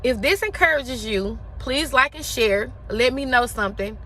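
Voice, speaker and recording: A woman's voice: fairly high pitch, expressive, normal speed, bright, forceful tone, slight background noise. A woman around forty giving an emphatic, impassioned motivational talk, repeating phrases for effect.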